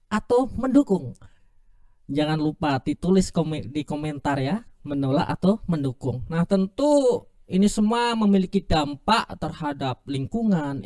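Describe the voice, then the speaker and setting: A male podcast host leads a religious discussion, speaking politely and formally to his guest. His voice sits slightly high. The tone is warm and mellow rather than bright. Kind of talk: Islamic podcast interview.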